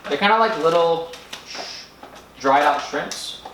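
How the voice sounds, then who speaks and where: A man narrating a casual food vlog in a rambling, halting way, often searching for words. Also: fairly high pitch. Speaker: food vlogger. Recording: echoey room with faint background noise.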